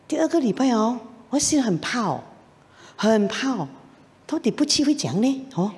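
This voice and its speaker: Middle-aged woman telling her church testimony, high-ish voice, lots of acted-out quotes, big reverby hall. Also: slight background noise. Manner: animated storytelling with laughs and acted-out quotes. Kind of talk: personal testimony to a congregation.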